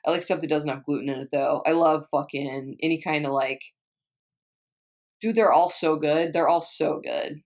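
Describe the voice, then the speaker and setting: A woman's voice: low voice, fairly even intonation, moderate pace, a little mellow. A young woman from Texas chatting casually as a vlogger, rambling and swearing a lot, trailing off and restarting often. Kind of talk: casual chat answering viewer questions.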